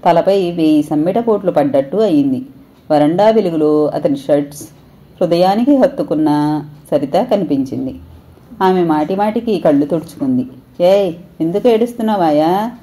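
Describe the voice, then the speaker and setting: Mellow-voiced woman reading a story. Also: deep voice, moderate pace. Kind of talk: audio story narration.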